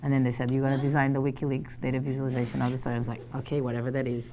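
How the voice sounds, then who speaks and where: A woman gives a motivational talk, her voice sitting low in pitch. She tells her story with animated, acted-out dialogue, and faint noise runs under the recording. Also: rapid-fire. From Portugal. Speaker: guest speaker.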